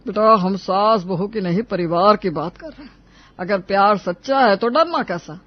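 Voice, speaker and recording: A woman voicing a middle-aged mother who gently coaxes her son to open up. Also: mid-range voice, expressive, normal speed, dull audio, natural voice. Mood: coaxing. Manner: coaxing, gently probing.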